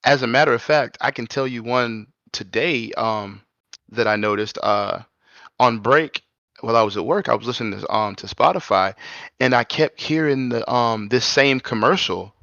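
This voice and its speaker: A man's voice: mid-range voice, moderate pace, pushed and bright, no echo, muffled recording. A man co-hosting a casual podcast in a laid-back way, telling little stories from his day. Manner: laid-back, says "y'all", storytelling asides. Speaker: podcast co-host.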